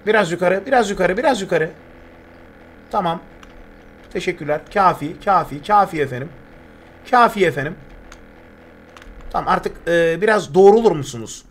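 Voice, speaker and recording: A young man streaming a survival game live, chatting with viewers and yelping in excitable bursts of panic as he plays. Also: high voice, moderate pace, pauses often, slight background noise. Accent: Turkish. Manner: excitable, yelps and repeats words when panicking. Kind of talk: live gameplay commentary.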